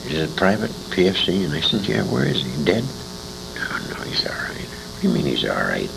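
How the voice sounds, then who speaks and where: In an interview taped at a convention, an older male war veteran with a low, gravelly voice tells anecdotes from memory. He acts out who said what, haltingly and emphatically, with salty language and huge swings in pitch. The amateur recording is noisy, with clear background noise and room ambience.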